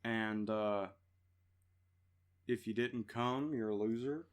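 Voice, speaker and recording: A man's voice: lowish voice, slow pace, clean tone. A man co-hosting a podcast in casual chat, joking, laughing often and rambling with fillers. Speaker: podcast co-host.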